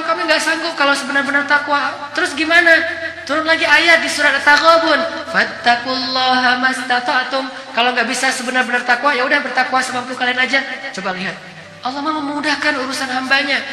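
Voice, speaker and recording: A man giving a casual, lively sermon, telling stories and playfully acting out the dialogue. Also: extremely high pitch. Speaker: preacher. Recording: echoey hall with music behind.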